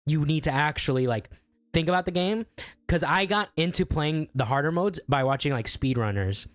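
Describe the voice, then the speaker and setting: A young man chatting casually as a guest, excitable, swearing freely and laughing often. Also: a little high, normal speed, dry recording. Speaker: guest musician and streamer. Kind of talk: casual podcast chat.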